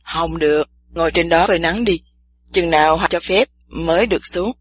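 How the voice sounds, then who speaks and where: A woman voicing an earnest, athletic young man who talks calmly and teases gently. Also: fairly low pitch, moderate pace, slightly rough. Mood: teasing.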